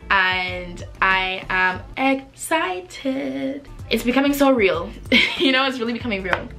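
A young woman from the Bahamas, vlogging to camera from her bedroom in a casual, animated way. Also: on the high side, slow pace, creaky, music in the background. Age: young adult. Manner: animated, expressive, gestures a lot while talking. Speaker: vlogger and singer-songwriter. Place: bedroom with desk and shelves, indoors.

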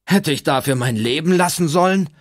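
A man's voice: a little high, brisk, dry recording, clean studio sound, voice pushed up, natural voice. A man reading aloud, voicing a young Norse charcoal burner who protests sheepishly. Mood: protesting.

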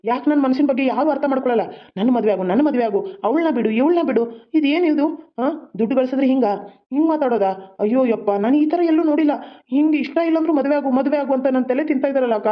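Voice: high voice, lo-fi sound, lightly acted. A performer voicing a blunt, exasperated young man, the rich younger brother in a homemade cartoon drama. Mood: frustrated. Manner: exasperated, blunt, quick-talking. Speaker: cartoon voice actor.

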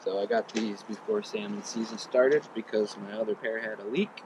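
A man in his thirties chats through a gear review outdoors, relaxed and rambling with plenty of ums. His voice sits a little low. The camera stands a few meters away, with clear outdoor noise behind him. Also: moderate pace. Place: outdoors on a riverbank. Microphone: camera on tripod a few meters away.

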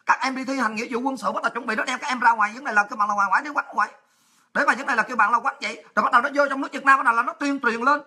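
A woman with a Southern Vietnamese accent, hosting a livestream and delivering a crude, taunting political rant with frequent shouting. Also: fairly high pitch, rapid-fire, slightly rough. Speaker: livestream host.

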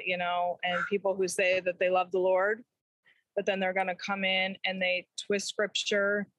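A middle-aged woman talking with fierce, frustrated emphasis about her ministry work. Her voice sits at an ordinary pitch for a woman. It is recorded close and dry, with almost no room sound. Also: a bit bright, dry recording, poor audio. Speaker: anti-trafficking ministry leader. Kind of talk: passionate interview answer.

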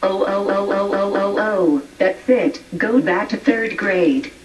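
A female computer voice playing a strict teacher, flat and synthetic, heard from afar with a dull sound. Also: mid-range voice, takes it slowly, faint music behind, natural voice. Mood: scolding. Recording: distant, dull TV-speaker sound.

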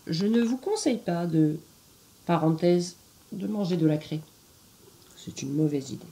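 Lively woman reading a fairy tale. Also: lowish voice, a little slow. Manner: lively, chatty asides to young listeners. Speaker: storyteller. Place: indoors at home, standing.

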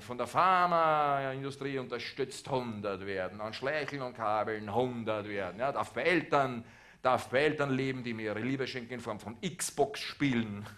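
A man with a mid-range, fairly bright voice and an Austrian German accent performs on a cabaret theater stage. He delivers a sarcastic satirical monologue, ranting at the audience.

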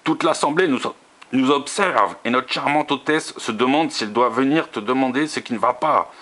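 A man's voice: mid-range voice, moderate pace, fairly bright tone, pitched above the performer's own voice, natural voice. A man reading the lines of an offhand, gallant prince, barely changing his own voice.

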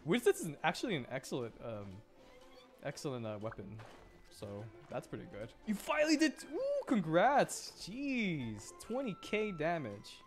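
His voice runs on the high side and swings hugely in pitch, at a moderate pace. A male livestreamer and VTuber host, he keeps up casual chatter with his viewers over game music, easily amused and giggly as he reacts to the game and the chat.

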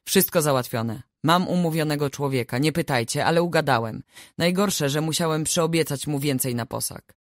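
A woman's voice: low-pitched, moderate pace, dry recording, studio quality, natural voice. A woman reading the lines of a harsh, furious older peasant father in a storybook, barking threats. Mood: stern.

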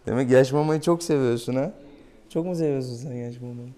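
This veterinarian has a warm, mid-range voice and a fairly quick delivery. Presenting a clinic video, he playfully chats with viewers and a pet in a small exam room, fondly teasing his patient. The recording carries clear room noise.

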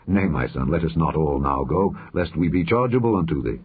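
A man's voice: extremely low pitch, animated, a little fast, husky, heavily acted. A man reading aloud drops his voice for a weary, grave king. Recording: muffled phone-like audio.

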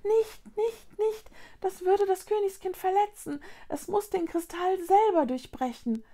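A woman reading a children's storybook aloud, voicing tiny frail magical creatures with an urgent, breathy whisper that repeats words. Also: very high voice, measured pace, warm tone, pitched above the performer's own voice.

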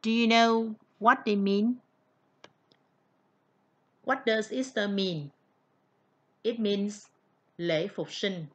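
A woman's voice: medium pitch, very slow, long pauses, dull audio. A woman English teacher with a Vietnamese accent, whose native language is Vietnamese, giving an online vocabulary lesson and carefully repeating each word as a model.

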